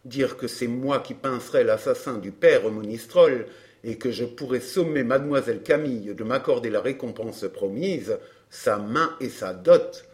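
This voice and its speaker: A man voicing a smug, scheming fake baron, smooth and mocking in an audiobook drama. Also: mid-range voice, normal speed, darkish tone, natural voice.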